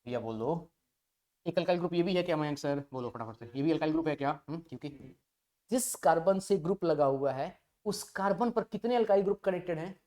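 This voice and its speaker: A male chemistry teacher with a slightly high, warm voice talks fast and animatedly in an online class. He playfully coaxes his students, asking them questions and then answering them himself in a call-and-response style.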